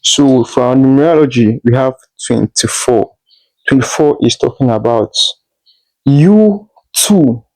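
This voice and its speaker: A man's voice: mid-range voice, unhurried, dark tone, poor audio. A man doing a tarot reading, speaking straight to the listener in a repetitive, reassuring way. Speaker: tarot reader.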